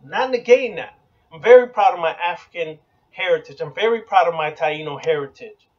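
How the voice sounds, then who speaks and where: High-voiced man preaching bluntly. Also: brisk. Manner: blunt, emphatic, repeats slogans; occasionally profane. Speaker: occult channel host. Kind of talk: preaching monologue. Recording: dull lo-fi recording.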